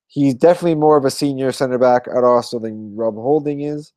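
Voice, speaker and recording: A man's voice: mid-range voice, fairly quick, darkish tone, dry recording. Tired, rambling male football podcaster. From Australia. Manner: rambling, self-correcting, fond of fillers. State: tired, yawning. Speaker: podcast co-host. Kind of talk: casual football chat.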